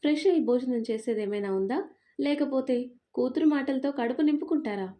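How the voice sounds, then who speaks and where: A middle-aged mother with a sharp, sarcastic tongue and a loving heart underneath, as a woman puts her on. Her voice is somewhat high but warm and mellow, and it scolds in a storybook telling. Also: fairly quick, lightly acted. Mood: scolding.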